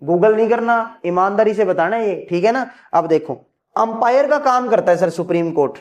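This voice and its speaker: A high-voiced man teaches an exam-prep civics class at normal speed. He poses questions and then responds himself as his students would, quoting them as calling him "sir," and frequently makes sure everyone is following.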